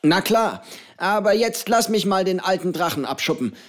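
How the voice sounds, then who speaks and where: A man's voice: high-pitched, expressive, moderate pace, voice pushed up. A male narrator voicing a jolly, eccentric old pirate who cooks on an island, speaking with a hearty manner. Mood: jovial.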